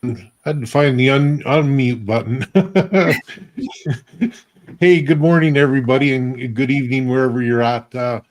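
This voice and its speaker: A man from Canada co-hosting a live online show over a video call, relaxed and plain-spoken. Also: medium pitch, a little slow. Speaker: co-host. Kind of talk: casual video-call chat.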